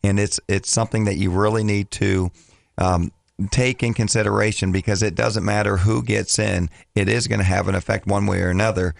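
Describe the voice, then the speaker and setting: A man with a scratchy, slightly hoarse voice talks casually as a financial coach on a radio show, rambling and restarting his phrases. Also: on the low side, flat delivery, brisk, no echo.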